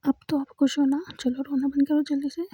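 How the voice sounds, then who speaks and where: A woman's voice: high voice, level tone, a little fast, no echo, lightly acted. A woman whispering as a coaxing young wife. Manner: soft pleading coaxing. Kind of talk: whispered role-play.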